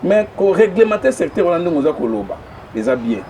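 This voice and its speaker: A male interviewer asks long, winding questions, pausing often to search for words. His voice sits a little high, and a faint noise runs underneath. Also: very animated, dark tone. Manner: hesitant, many "euh" fillers.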